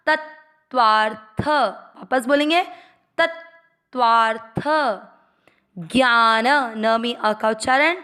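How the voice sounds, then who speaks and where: A woman teaching Sanskrit pronunciation, patiently spelling out each syllable and then chanting the verse slowly. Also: high-pitched, fairly bright tone. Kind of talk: slow syllable-by-syllable pronunciation lesson.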